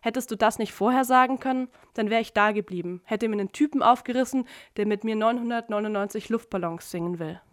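A woman's voice: on the high side, fast, hardly any pauses, lightly acted. A woman reading aloud, voicing a brash, tipsy young kindergarten worker who chatters and teases. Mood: tipsy, chatty.

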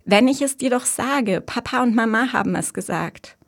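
A woman voicing an excited young girl who is about to be married, talking in a breathless, bubbly rush. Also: mid-range voice, normal speed, natural voice. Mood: dreamy.

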